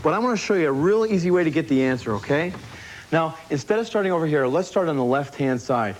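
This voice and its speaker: A man's voice: fairly high pitch, expressive, quick pace. A man teaching step by step in a live infomercial demonstration, encouraging and prompting with questions. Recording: noisy studio with audience behind.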